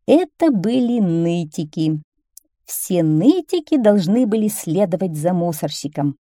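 A woman reading a children's story aloud in an expressive, animated way. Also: lowish voice, measured pace, no room sound, clean studio sound.

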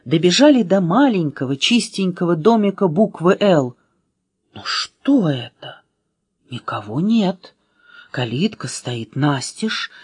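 A woman reading a children's storybook aloud in an expressive way, changing voices for the figures. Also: husky. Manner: expressive, changing pitch for drama. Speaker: reader.

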